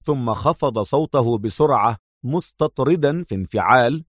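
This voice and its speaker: Man reading a crime thriller audiobook, steady measured voice, dry close sound. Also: medium pitch, no echo. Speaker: narrator. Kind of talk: dramatic audiobook narration.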